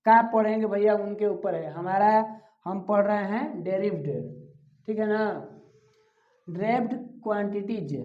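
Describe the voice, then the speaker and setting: This physics teacher has a high-pitched yet dark-toned voice. Lecturing like he's in a classroom, he asks his own questions, answers them, and repeats the key terms, with the audio echoey, dull and lo-fi.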